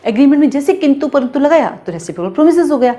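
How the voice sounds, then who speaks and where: A woman law teacher with an Indian accent, schooled in Hindi, lecturing in a lively way and repeating points with quick questions to her students. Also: high voice. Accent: Hindi-medium Indian English words. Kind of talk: classroom lecture.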